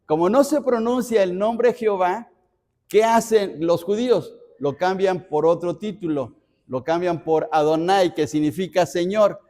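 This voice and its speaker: High-voiced pastor teaching in a hall. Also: male voice, measured pace, dark tone. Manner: explanatory, repeats phrases for emphasis. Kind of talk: Bible study teaching. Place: church.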